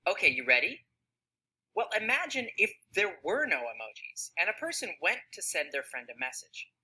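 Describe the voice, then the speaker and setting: A woman's voice: on the low side, very animated, normal speed, bright, forceful tone, husky. A woman giving scripted narration for a children's explainer video, asking the kids questions and acting out different tones of voice.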